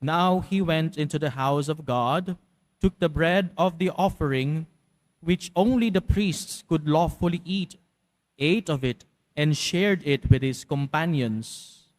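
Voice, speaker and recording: Man, priest, solemn scripture reading, slow pace, slightly high voice, long cathedral echo. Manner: solemn, measured. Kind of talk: liturgical scripture reading at Mass. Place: large church.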